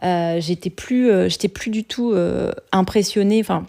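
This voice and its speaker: Chatty woman with a creaky voice. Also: medium pitch, normal speed, dark tone. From France. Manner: chatty, many fillers and restarts, laughs easily. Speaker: podcast guest sharing expat experience. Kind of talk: casual podcast conversation.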